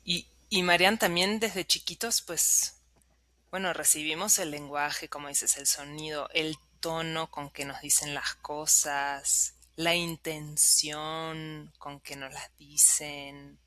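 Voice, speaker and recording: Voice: mid-range voice, steady tone, takes it slowly, sharp tone, no room sound. A host who asks curious, hesitant questions and thinks aloud. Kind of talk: conversational interview.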